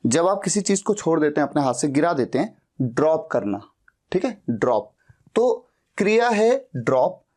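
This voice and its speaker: A man teaching an English grammar lesson, slowing down to dictate example sentences. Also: a little high, big pitch swings, darkish tone. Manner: slow, dictating pace when reading out English sentences.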